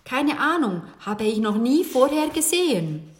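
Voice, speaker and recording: A woman's voice: high voice, sing-song, a little slow, pitched above the performer's own voice. A woman voicing an offhand, casual young messenger boy in a children's audiobook. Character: red-haired street messenger boy, offhand.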